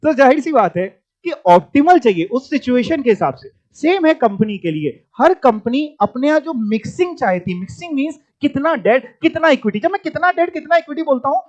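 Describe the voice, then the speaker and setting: A man's voice: very high voice, expressive, fairly quick, few pauses, darkish tone. A male teacher giving a classroom lecture, explaining terms and quizzing his students with questions. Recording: dull lo-fi lecture recording.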